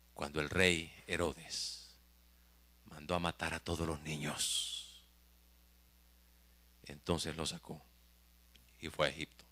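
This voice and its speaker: With a very deep voice, a male pastor addresses his congregation directly in a sermon, lurching from loud exclamations to near-whispers.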